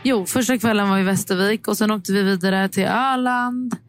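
A woman co-hosting a podcast, telling stories in a casual, chatty way with quick asides. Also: medium pitch, steady tone, loud music behind the voice. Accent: Swedish. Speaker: podcast co-host. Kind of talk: casual chat. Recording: faint background noise.

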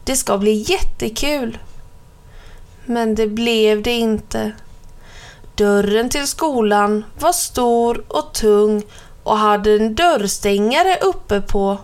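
A woman reading a children's picture book aloud in a plain, steady storytelling manner. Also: fairly high pitch, smooth.

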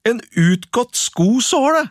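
A storyteller voicing a cheerful young lad in a folk tale, calling out high and excited in sing-song. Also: no echo, studio quality, close to an everyday voice. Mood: content. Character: cheerful young male hero, proud of his finds. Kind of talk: storybook reading.

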